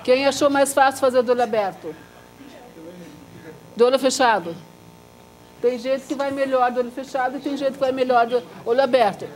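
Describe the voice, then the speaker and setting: Lively woman teaching a music workshop. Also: moderate pace, long pauses, background noise. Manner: lively and demonstrative, drops to a soft low voice to make a point; chants body parts in rhythm. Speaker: Suzuki violin teacher leading a workshop. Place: workshop room with a group of students.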